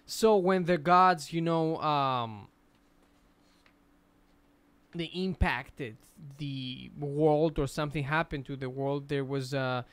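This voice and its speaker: Smooth-voiced man explaining on a podcast. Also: a little high, slow pace, fairly bright tone, no room sound. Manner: explaining, rambling with restarts. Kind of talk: casual podcast chat.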